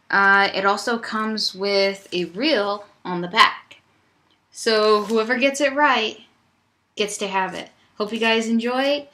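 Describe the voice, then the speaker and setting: A young adult woman vlogs casually to her webcam from a small dorm room, rambling loosely and upbeat. Her voice is low for a woman but bright and crisp, picked up close by a laptop webcam mic at desk distance.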